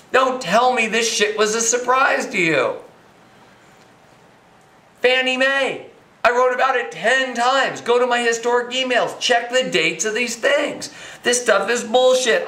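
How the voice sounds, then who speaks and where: A man's voice: high voice, sharp tone. A middle-aged American man on a drunken, rambling, profane rant as a financial commentator, indignant and emphatic. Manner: emphatic, indignant, heavy swearing. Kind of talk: profane off-the-cuff rant to camera. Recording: echoey, roomy sound.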